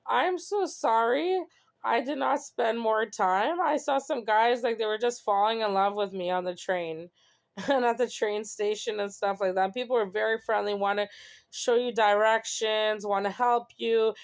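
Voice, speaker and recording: Earnest young woman, smooth voice. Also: a little high, measured pace. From Canada. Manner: earnest, reflective, rambling with many "you know"s. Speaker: host. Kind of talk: casual personal monologue.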